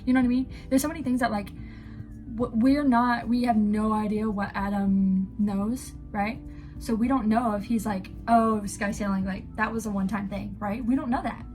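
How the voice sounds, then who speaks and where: A woman in her twenties giving excited, rambling reaction commentary as a gushing fan, often giggling. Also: mid-range voice, normal speed, soft background music. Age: 20s. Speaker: YouTube reactor.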